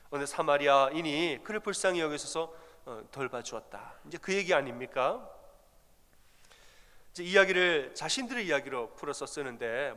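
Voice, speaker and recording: A male pastor preaching a sermon, telling a story in an animated way and acting out the people in it. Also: fairly high pitch, big-room sound.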